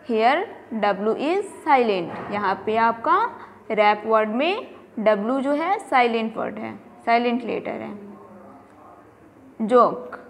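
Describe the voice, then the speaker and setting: A woman teaching English, spelling words letter by letter in a slow, deliberate way and explaining in a mix of English and Hindi, with an Indian English accent. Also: a little high, in a large hall, slight background noise.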